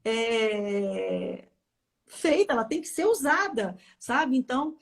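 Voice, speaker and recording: A woman's voice: a little high, big pitch swings, slow, creaky. A woman, a former school teacher talking on a casual live chat, emphatic and full of stories.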